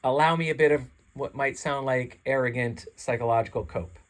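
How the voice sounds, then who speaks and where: A man's voice: medium pitch, fairly even intonation, brisk. A congested man reading his own essay aloud in an earnest, rambling, self-deprecating way, then signing off casually. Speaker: channel host reading his own article. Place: seated in a chair. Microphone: home microphone, some chair rubbing.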